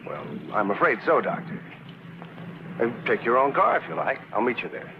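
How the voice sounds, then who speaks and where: A man's voice: medium pitch, very animated, moderate pace, slight background noise. A polite but probing FBI man in a 1950s film drama. The old soundtrack is muffled and echoey. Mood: polite, official.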